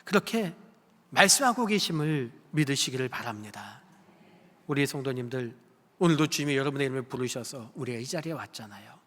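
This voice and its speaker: A man's voice: mid-range voice, expressive, fairly quick, a bit bright. A male pastor preaching a sermon with emphasis, putting questions to the congregation. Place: church sanctuary. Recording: long church hall reverb.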